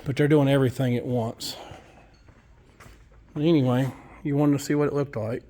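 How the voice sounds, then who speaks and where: A man's voice: mid-range voice, fairly even intonation, moderate pace, warm tone. A man, a construction worker giving a casual walkthrough of a building site, blunt and profane as he tells his story.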